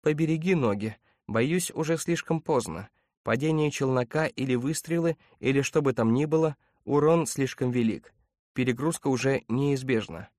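A man voicing a calm, precise male android officer who speaks in a measured, clinical way. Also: medium pitch, no room sound, studio quality, close to an everyday voice. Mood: regretful.

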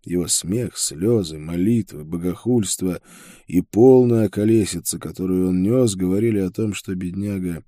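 A male narrator reads a dark story in the first person with a measured, dramatic delivery. His voice sits very low and has a dark tone. The recording is dry and close, with no room sound. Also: no room sound. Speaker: audiobook narrator.

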